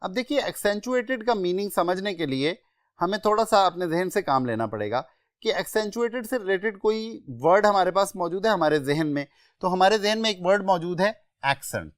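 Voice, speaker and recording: A Pakistani-accented man delivers an English vocabulary lecture for exam prep, explaining words in a measured way and going through synonyms one at a time. His voice sits high and is expressive, recorded with studio quality and no echo.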